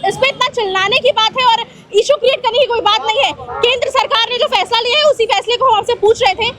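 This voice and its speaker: A woman's voice: very high voice, fast talker. A woman street reporter holding a firm vox-pop interview in a busy outdoor market. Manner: firm, repeatedly calming the man. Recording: loud crowd and traffic noise.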